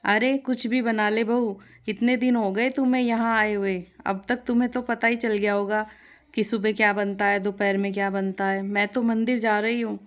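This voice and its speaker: A woman's voice: medium pitch, fairly even intonation, moderate pace, lightly acted. A woman voicing a grumpy mother-in-law who scolds and complains about a pet parrot. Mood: irritated.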